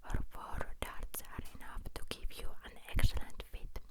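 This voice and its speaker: A woman reads a book aloud as ASMR, whispering close to the listener's ear in a halting way and stumbling over words now and then. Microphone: close ear-to-ear ASMR microphone.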